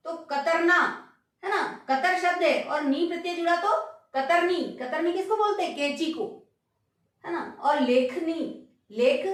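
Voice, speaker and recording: A woman teaching grammar, patiently repeating examples and asking rhetorical questions. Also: very high-pitched. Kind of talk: slow classroom explanation. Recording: very echoey room, distant mic.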